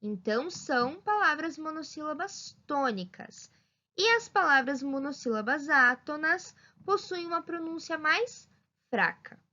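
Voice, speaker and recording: A woman giving a children's lesson as a primary school teacher, talking slowly and spelling things out clearly. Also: sits high, expressive, sharp tone. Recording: dull lo-fi sound.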